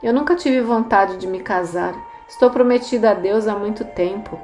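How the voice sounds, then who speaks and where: A woman reading the lines of a frank, dry older priestess in an audiobook, speaking in a measured way. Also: mid-range voice, a little mellow, lightly acted. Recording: roomy echo, faint music.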